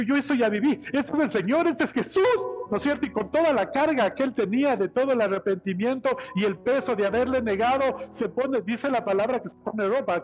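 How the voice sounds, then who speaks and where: A man's voice: sits high, low-quality recording. A man preaching a Sunday sermon in a church, in a conversational style, often asking the congregation for agreement. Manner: retells scripture by acting out dialogue. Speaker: pastor. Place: church service.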